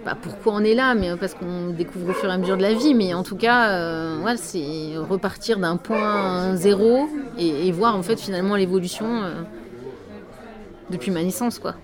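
A woman's voice: fairly low pitch, normal speed. A French woman artist talking about her work in a casual conversation, hesitant, with many fillers. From France. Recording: crowd chatter behind.

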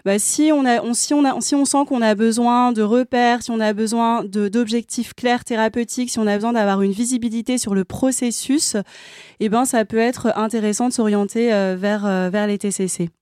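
Woman explaining in a mellow voice. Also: a little high, fairly even intonation, no room sound, studio quality. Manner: measured, with many hesitations. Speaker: therapist guest. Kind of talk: explanatory discussion.

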